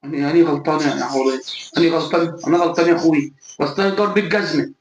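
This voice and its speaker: A man's voice: on the high side, steady tone, racing, reverberant, muffled recording, voice pushed down, lightly acted. A man playing a guilty Egyptian man caught stealing a wallet, who stammers and pleads with an Egyptian accent. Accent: Egyptian Arabic.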